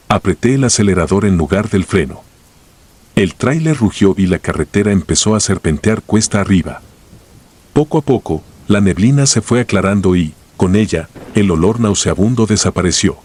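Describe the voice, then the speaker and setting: A man reading a first-person horror story in a slow, grave storytelling manner. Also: deep voice, darkish tone, husky, dry recording.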